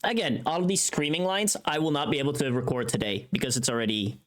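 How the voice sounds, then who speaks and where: Talking fast in a medium-pitched, fairly bright voice, a streamer and voice performer of unclear sex casually chats with a live audience during a livestream. Between remarks they hum little tunes, thinking aloud as they work.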